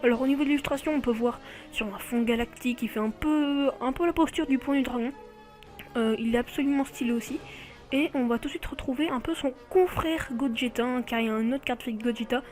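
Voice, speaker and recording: A woman with a somewhat high-pitched voice hosts a relaxed showcase of game cards. She talks freely and keeps catching and fixing her own slips as she goes. Soft music plays quietly behind her. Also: brisk. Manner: chatty, often corrects herself mid-sentence. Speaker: video host. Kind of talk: casual mobile game card showcase.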